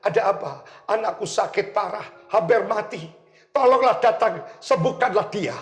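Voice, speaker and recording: A man's voice: sits high, animated, normal speed, reverberant, in a large hall, faint music behind. A man voicing a begging worried father. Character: worried father, a synagogue leader.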